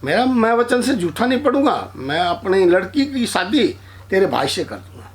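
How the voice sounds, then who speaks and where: A man's voice: high voice, very animated, normal speed. A man voicing a proud king in a spoken folk tale who keeps his word. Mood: assured.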